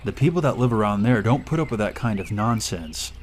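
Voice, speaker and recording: Male horror storyteller, lowish voice, steady, measured delivery, faint background hiss. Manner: steady, measured first-person telling. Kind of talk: scripted horror story narration.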